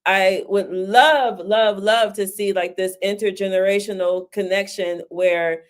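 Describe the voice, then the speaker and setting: A woman who runs a book publishing service, giving an interview in a quick, casual way and often checking in with "right?". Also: mid-range voice, fairly even intonation. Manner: talks fast, says "right?" often. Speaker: guest, book publisher and ghostwriter.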